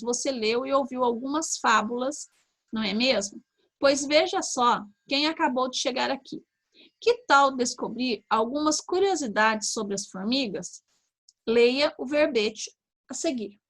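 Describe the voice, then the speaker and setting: Professora brasileira de voz aguda. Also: female voice, a little high. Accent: Brazilian Portuguese. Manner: slow, sounding out syllables, frequent "tá?" and "ó". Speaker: primary school teacher. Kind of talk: online lesson to young children.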